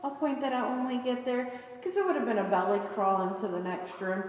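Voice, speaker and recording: Standing far from the mic, a woman guiding a cave tour talks informally to a group of visitors in a large cave. Her voice is on the high side, briskly paced with lively intonation. The cave is very echoey, with long reverb and background noise.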